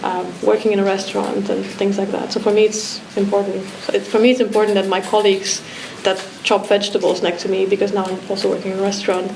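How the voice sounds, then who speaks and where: A Romanian woman artist, appearing as a guest at an art academy pavilion, speaks reflectively in a talk discussion, with many restarts and fillers. Her medium-pitched voice is flat and creaky, and she talks fast with few pauses. The room is echoey, with background noise.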